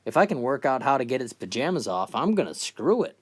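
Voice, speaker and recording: A man's voice: medium pitch, very animated, fairly quick, no echo. A man voicing a cheeky pet octopus with a smug, matter-of-fact delivery.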